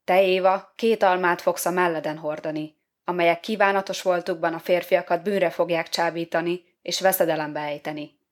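Woman doing stern lord of paradise, lowish voice, formal and severe. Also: fairly even intonation, lightly acted.

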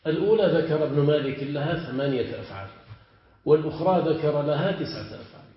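Male teacher, higher voice, methodical lesson delivery, lo-fi recording. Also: lively intonation. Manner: explains step by step, quizzes students with quick checks. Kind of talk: classical Arabic grammar lesson. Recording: echoey, dull lo-fi lecture recording.

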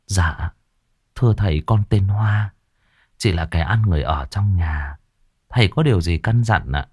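Guy voicing a shy young servant girl in a ghost story, soft and hesitant, dry sound. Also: deep voice, unhurried, slightly rough, no room sound. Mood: timid. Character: timid young female servant.

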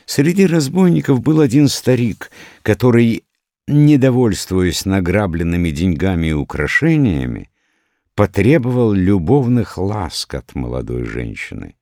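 Male narrator for a parable reading: deep, unhurried, expressive, dry sound. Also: no echo. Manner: expressive storytelling with wide intonation.

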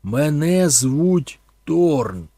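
A male reader voicing a desperate middle-aged man who pleads and shouts slowly and loudly. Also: fairly high pitch, big pitch swings, husky, dry recording, pitched above the performer's own voice, heavily acted. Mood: shouting, desperate. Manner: slow, loud, imploring cries.

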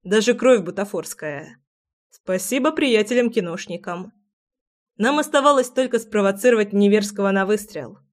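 A woman reading a calm protective young man. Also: medium pitch, moderate pace, close to an everyday voice. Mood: reassuring. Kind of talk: audiobook character reading.

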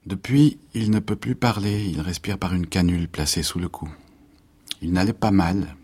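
Deep, husky country doctor, radio drama, measured and confiding. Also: male voice, a little mellow. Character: weary middle-aged country doctor.

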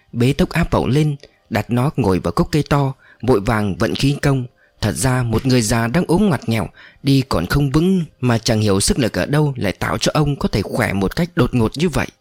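A man narrating a dramatic story in an expressive reading voice. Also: medium pitch, no echo.

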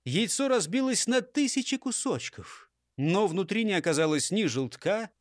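A man narrating a children's audiobook in an expressive storytelling manner. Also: high voice, moderate pace, no room sound, studio quality.

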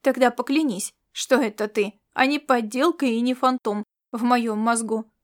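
A woman reads a stubborn Earthman hero in a storybook. His lines come slower and a bit lower than her narration, gruff and weighty. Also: steady tone, natural voice. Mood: tender.

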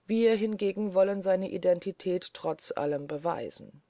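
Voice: mid-range voice, moderate pace, mellow, dry recording, clean studio sound, close to an everyday voice. A reader voicing a confident male lawyer in a courtroom, speaking in an assured, polished way.

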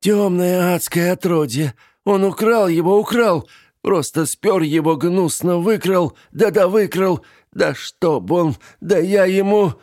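A man reading an audiobook voices a fussy elderly aunt with a fierce temper, shrill and scolding. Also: moderate pace, a little mellow, no echo, studio quality, lightly acted. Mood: furious.

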